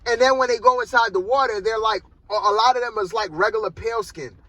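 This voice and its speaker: A man talks through a film review in a laid-back, meandering way, leaning on "like" and "man" as he goes. His voice sits high and has a sharp, bright edge. He is recording from the driver's seat of his car. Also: fast, dry recording, poor audio. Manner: rambling and loose, peppered with "like" and "man". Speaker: movie reviewer. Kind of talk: casual spoken film review. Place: inside a parked car.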